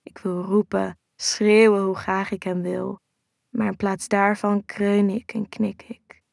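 A woman narrating a first-person erotic audio story in a soft, intimate, hushed way. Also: mid-range voice, flat delivery, slow, creaky, no room sound, studio quality.

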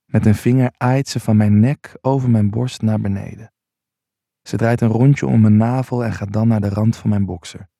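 A man narrating an intimate first-person erotic story in a low, unhurried voice. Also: fairly even intonation, gravelly, dark tone, no echo, clean studio sound.

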